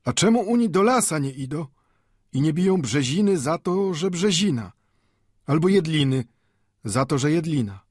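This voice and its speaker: An old man with a Yiddish-inflected accent, proud and fervent. He pleads in a high, swooping voice full of rhetorical questions, with a husky edge, in a storybook reading. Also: lively intonation, normal speed, darkish tone, dry recording, clean studio sound. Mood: wry. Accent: Yiddish-inflected Polish. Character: old male bookbinder, impassioned, wry, proud.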